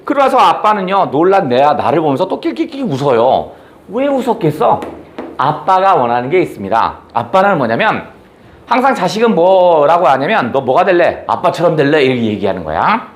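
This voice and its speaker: A man retells a novel's story as a lecture, his voice sitting slightly high. His pitch rises and falls in lively swings, and he keeps pausing to ask questions he then answers himself. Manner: animated, asks rhetorical questions then answers them. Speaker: book lecturer.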